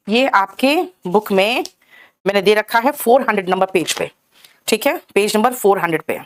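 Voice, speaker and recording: Lively Indian woman teaching English grammar. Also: medium pitch, a little hiss or hum. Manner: addresses students as "beta", keeps asking "clear?" and "theek hai?". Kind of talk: exam-prep lesson.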